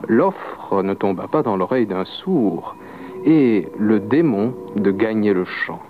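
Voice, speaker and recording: A man reading a legend aloud in an expressive storytelling style. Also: on the low side, takes it slowly, slight background noise. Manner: expressive, with wide swings of voice. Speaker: reader of a legend. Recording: muffled lo-fi radio recording.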